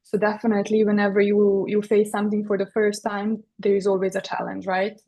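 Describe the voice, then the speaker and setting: A woman's voice: medium pitch, monotone, a little fast, warm tone. A woman in her thirties from Serbia with a Serbian accent, talking as a podcast guest about her work, with many fillers and restarts. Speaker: guest, interior designer. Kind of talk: podcast interview.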